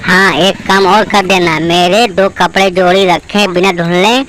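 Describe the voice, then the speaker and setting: A domineering mother-in-law, played by a woman in a homemade comedy skit, forever scolding her daughters-in-law. Her voice stays flat and level even while she nags. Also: fairly low pitch, moderate pace, close to an everyday voice. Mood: grudging.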